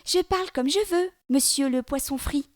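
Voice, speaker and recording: A woman voicing a brave, cunning little boy in a storybook reading, with a high, mocking voice. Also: moderate pace, natural voice. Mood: cheeky.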